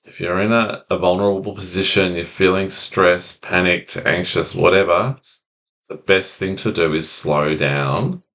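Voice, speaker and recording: Male anxiety coach, very low voice, slow soothing delivery, talks straight to camera. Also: a bit bright. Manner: slow, soothing, repetitive phrasing. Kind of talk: calm instructional monologue.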